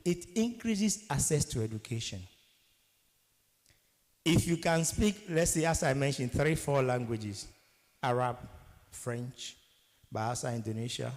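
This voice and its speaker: Long hall reverb colors this recording of a man from Ghana, in his thirties, speaking as a guest lecturer. In a medium-pitched voice with a Ghanaian English accent, he gives a forceful motivational workshop lecture and fires rhetorical questions at the crowd.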